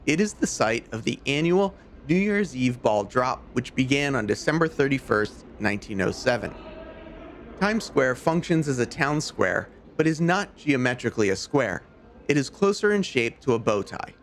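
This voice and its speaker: Male tour narrator with lively intonation. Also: medium pitch, normal speed. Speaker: travel narrator. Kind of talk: informative guided-tour narration. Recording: faint background noise and ambience.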